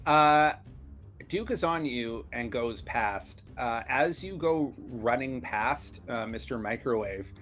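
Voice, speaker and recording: A man's voice: mid-range voice, slow, fairly bright tone. A man narrating a tabletop game as game master, informal and freely swearing. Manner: profane, informal.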